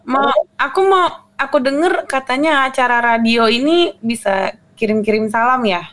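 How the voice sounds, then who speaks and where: A woman's voice: a little high, normal speed, fairly bright tone. A woman from Central Java speaking casually and politely, a little hesitantly, as a caller to a show. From Magelang, Central Java. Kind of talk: casual call-in talk.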